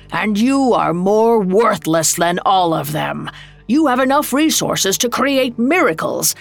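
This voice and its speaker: A woman's voice: medium pitch, creaky. A woman voicing a stern male giant spirit who speaks in a grave, reproachful way. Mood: scolding. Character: stern ghost of Christmas present, male giant.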